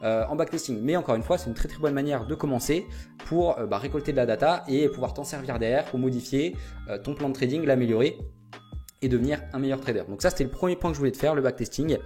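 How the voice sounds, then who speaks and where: A man's voice: mid-range voice, dark tone. A young man giving an informal spoken lesson on trading, talking straight to the viewer with many fillers and repeated words. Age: young adult. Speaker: trading educator.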